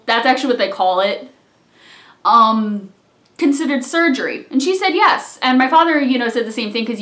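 In an echoey little living room, a young adult vlogger on the couch chats through a meandering personal story, the kind of casual storytime vlog that keeps slipping into quiet mumbled asides. The voice sits at medium pitch, captured by a camera set on a tripod a few feet off.

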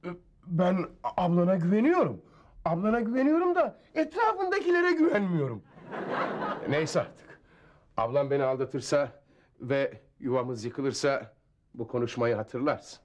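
Jealous son-in-law, melodramatic, mock threats, slightly high voice. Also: male voice, sing-song, moderate pace, highs cut off. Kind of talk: sitcom acting.

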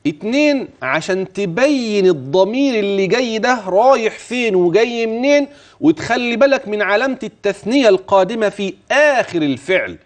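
A man with an Egyptian Arabic accent teaching Quran recitation in a TV lesson. He draws out verses slowly and melodically, then explains them in quick, chatty colloquial speech, asking and answering his own questions as if coaching a student. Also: high voice, lively intonation. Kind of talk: tajweed lesson for a religious TV channel.

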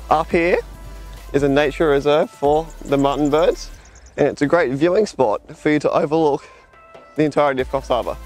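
Filmed from a tripod a few metres off, a young Australian man vlogs outdoors at a sunny seaside lookout with a jetty and beach. He's relaxed and chatty, full of fillers, gesturing while he walks, and his voice is medium-pitched.

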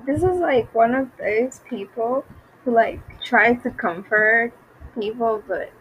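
A woman's voice: fairly high pitch, takes it slowly, fairly bright tone, slight background noise, poor audio. A young woman giving nervous game commentary, repeating herself and reacting to jump scares. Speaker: gaming YouTuber.

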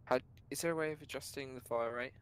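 A man playing a team game with a gravelly voice, asking easygoing questions about the controls over a headset. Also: medium pitch, quick pace, a bit bright, slight background noise. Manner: asks about the controls, laughs easily. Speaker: gamer. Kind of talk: gameplay voice chat.

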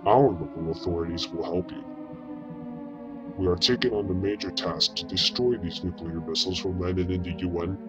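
A deep, steady male voice, lightly acted and with the highs cut off, plays a fleet commodore addressing a nation under nuclear attack. The emergency broadcast speech is grave, solemn and measured, delivered over loud music by a wartime leader.

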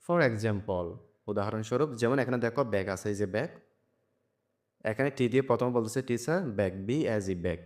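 A young man teaching a textbook lesson, reading each English phrase slowly and then translating it word by word. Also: on the low side, darkish tone.

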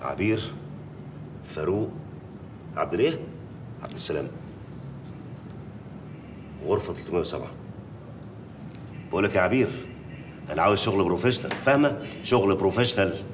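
A man's voice: deep voice, animated, brisk, pauses often. An actor playing a brusque male newspaper editor who snaps orders down the phone, recorded with a distant mic in a newspaper office. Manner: gruff, commanding, snaps orders. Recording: distant mic with loud room noise.

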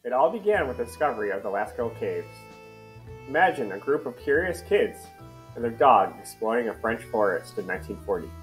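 Man, narrator, calm storytelling, mid pitch, soft guitar underneath. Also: fairly quick, low-quality recording.

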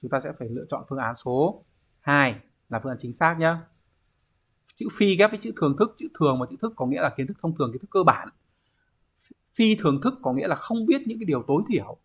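A man's voice: on the high side, very animated, fast talker, slightly rough. Guy teaching an online class, keeps checking the students follow, kinda dull lo-fi audio. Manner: explanatory, checks in with students often. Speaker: Japanese teacher. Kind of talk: online exam review lesson. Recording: dull lo-fi recording.

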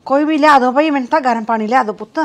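A woman's voice: sits high, racing, a loud crowd, natural voice. An actress playing an older mother-in-law with a cough, scolding her daughters-in-law and pleading for peace. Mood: fretful. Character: older woman, fussing mother-in-law of two bickering daughters-in-law. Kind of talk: amateur village short-film acting.

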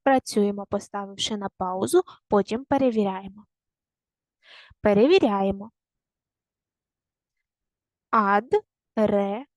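A woman teaching a primary school language lesson online, speaking slowly and carefully and repeating words to show their stress. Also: a little high, lively intonation, a little mellow, no room sound.

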